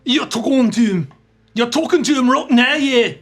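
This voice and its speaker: Man putting on a gruff Scottish warrior chief. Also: very high-pitched, normal speed, fairly bright tone, heavily acted. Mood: gruff, hostile. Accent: attempted heavy Scottish. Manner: blunt, confrontational. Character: gruff male badger-riding warrior chief.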